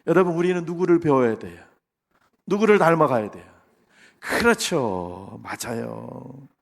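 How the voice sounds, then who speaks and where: A middle-aged male pastor preaching a sermon, animated, swinging between loud exhortation and soft asides. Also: on the high side, fairly quick. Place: large church sanctuary. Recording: long reverb of a large hall.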